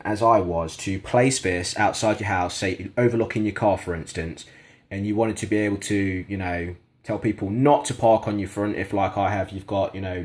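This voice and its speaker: A slightly mellow, lowish male voice belongs to a gadget reviewer working in a kitchen. He chats casually while demonstrating a product and offers an openly critical verdict.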